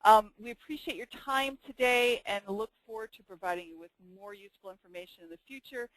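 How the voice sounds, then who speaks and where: A woman's voice: mid-range voice, brisk, fairly bright tone, no echo, rough recording. A woman moderating a webinar and giving closing remarks, stumbling over her words.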